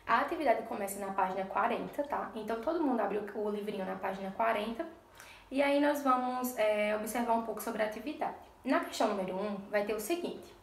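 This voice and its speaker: A woman's voice: mid-range voice, a little fast, creaky, reverberant, distant mic, a little hiss or hum. A woman teaching a lesson to young children in a recorded remote class, patient and step by step, often checking in with the class. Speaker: primary school teacher.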